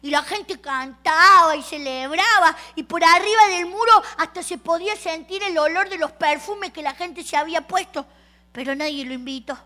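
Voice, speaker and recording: A woman telling a story to children in an expressive, soft-spoken way, with long pauses. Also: extremely high pitch.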